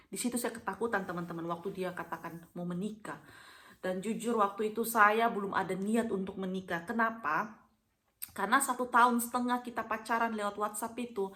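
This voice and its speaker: A woman's voice: mid-range voice, pushed and bright. A young adult woman vlogger, casually telling a personal story to her viewers and acting out the dialogue as she goes. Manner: chatty, addresses viewers often, acts out dialogue.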